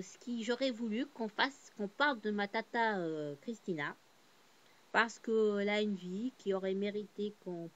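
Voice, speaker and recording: The audio is dull, and the woman speaking has a mid-range voice. Portuguese-born with Cape Verdean family roots, she delivers a rambling, heartfelt casual monologue full of fillers and restarts, her mood moving between subdued and animated.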